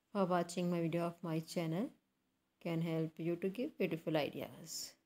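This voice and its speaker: Female YouTube narrator, lowish pitch, very unhurried, phrase-by-phrase scripted read. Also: a little mellow. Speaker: YouTube channel host. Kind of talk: scripted voice-over narration for a slideshow.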